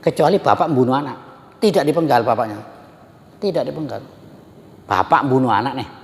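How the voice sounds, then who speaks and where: A man teaching a religious study class in a lively, joking way, often turning to address his listeners directly. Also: medium pitch, a little fast. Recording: long hall reverb.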